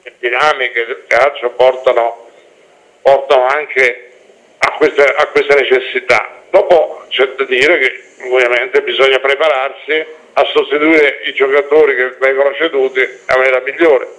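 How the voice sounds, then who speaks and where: Halting, measured male club director calling into a radio show. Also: medium pitch, steady tone, a bit bright, low-quality recording. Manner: halting, repeats words, measured. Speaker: football club director, guest on a phone-in. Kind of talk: phone interview about football.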